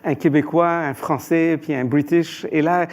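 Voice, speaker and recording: A man's voice: fairly high pitch, fairly even intonation, a little slow. A man from Iran answering as an expert panelist, hesitant, with frequent filler sounds and restarts.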